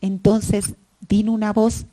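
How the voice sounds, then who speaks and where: Woman preacher, Sunday sermon, slow, near whispers, fervent cries. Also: medium pitch, flat delivery, dark tone.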